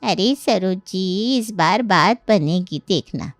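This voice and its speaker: A woman's voice: mid-range voice, expressive, slow pace, dry recording, clean studio sound. A woman voicing a confident, persuasive middle-aged matchmaker in a cartoon story. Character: pushy middle-aged female matchmaker neighbour.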